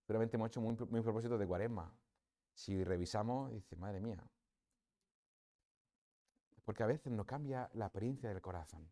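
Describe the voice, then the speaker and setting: A man's voice: fairly low pitch, fast talker, warm tone. A man with a Spanish accent giving a parish talk on prayer, conversational and reflective, often adding tag questions. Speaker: priest. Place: parish hall or church.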